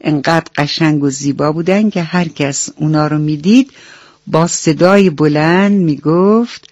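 A woman's voice: low voice, a little mellow, dry recording. A woman storyteller narrating a bedtime story for children on radio, tender and addressing them as her dear ones. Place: radio studio. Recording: dull dry radio studio recording.

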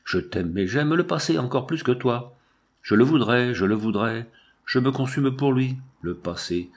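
A man's voice: medium pitch, expressive, normal speed. A man reading the part of an anguished woman who laments aging and death, in a mournful, impassioned recitation.

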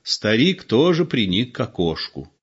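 A man narrating a literary story in an expressive storytelling manner. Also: mid-range voice, unhurried, slightly rough. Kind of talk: literary audiobook reading. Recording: dull lo-fi recording.

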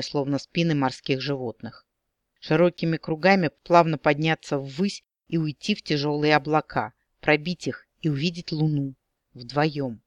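A man narrating an audiobook in a measured, expressive reading. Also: a little high, dry recording, dull audio.

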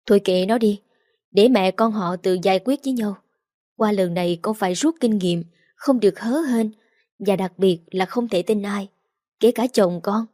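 A woman reading the part of a worried middle-aged mother who gives calm, firm advice. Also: medium pitch, normal speed, dry recording, studio quality, natural voice. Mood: concerned.

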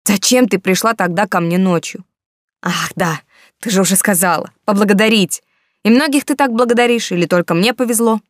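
A woman voicing a hot-tempered young man who argues loudly in blunt slangy speech, jilted by his lover. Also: on the low side, moderate pace, no room sound, studio quality, lightly acted. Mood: bitter, shouting.

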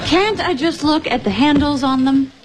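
Rachel, an actress playing a fed-up young waitress. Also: female voice, high-pitched, moderate pace, over a noisy crowd, heavy background noise, natural voice. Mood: exasperated. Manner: exasperated, whiny complaining. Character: young woman fed up with her job. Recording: sitcom clip with audience laughter. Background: studio audience.

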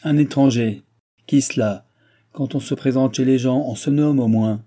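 A man voicing a sour, imperious baron with a sharp, unwelcoming tone. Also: mid-range voice, normal speed, pitched above the performer's own voice, lightly acted. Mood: grumbling. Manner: imperious, inhospitable.

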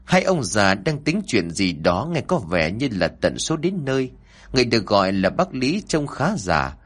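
A man's voice: on the low side, slightly rough. A man narrating a ghost story in a scripted storytelling style, voicing the characters' lines himself.

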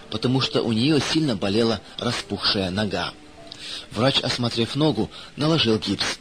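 Measured male storybook narrator, gentle, middle pitch, light background hiss. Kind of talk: scripted narration of a children's story.

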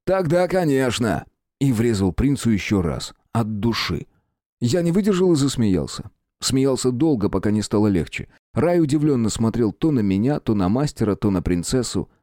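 A man's voice: medium pitch, normal speed, dry recording, studio quality. A man narrating a fantasy audiobook in the first person, expressively. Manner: expressive storytelling. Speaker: audiobook reader.

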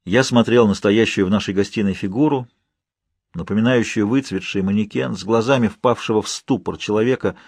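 A man narrating an audiobook in the first person, with steady, measured storytelling. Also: lowish voice, breathy edge, no room sound, clean studio sound.

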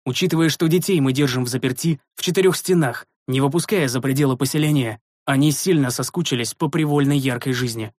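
A man narrating a first-person fantasy story in a measured, expressive way. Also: mid-range voice, no echo, clean studio sound. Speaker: audiobook narrator.

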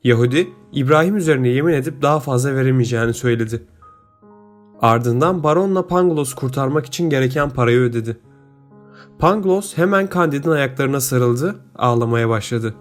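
A man narrating an audiobook in a steady, measured storytelling manner. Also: mid-range voice, faint music behind. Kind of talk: scripted narration.

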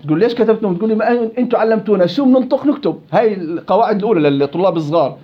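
A fast-talking man with a Levantine Arabic accent leads a recitation class, firing questions at his students and repeating each word to drill it. His voice sits high, and the recording sounds dull and lo-fi. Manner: quizzes students, repeats words to drill them. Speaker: Quran recitation teacher. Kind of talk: interactive tajweed lesson.

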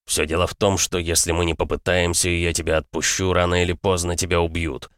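A man voicing a calm older aristocrat father in an audiobook, measured and coldly matter-of-fact. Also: low voice, smooth, no echo, studio quality. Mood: insistent. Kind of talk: audiobook character voice.

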